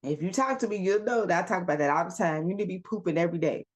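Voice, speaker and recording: A woman giving a casual self-help talk as a wellness coach, firing off questions and calling listeners y'all and baby. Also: lowish voice. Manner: asks rapid rhetorical questions, calls listeners y'all and baby; emphatic, coaching.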